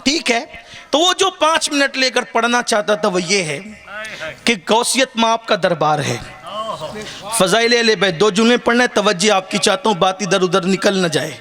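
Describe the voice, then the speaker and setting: High, bright impassioned male preacher. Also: expressive, faint music behind. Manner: impassioned, rising to shouted climaxes; jokes with the crowd. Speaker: religious orator. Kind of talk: sermon at a religious gathering. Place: outdoor religious gathering with listeners.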